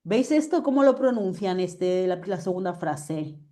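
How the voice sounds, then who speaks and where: Patient woman teaching French, mellow voice. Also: lowish voice, animated, a little slow. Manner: patient, checks understanding often. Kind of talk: online class explanation. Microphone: video call.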